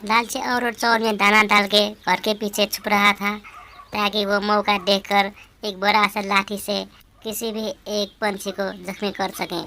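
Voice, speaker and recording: A woman narrating a children's story in a flat, repetitive telling. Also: mid-range voice, measured pace, slight background noise.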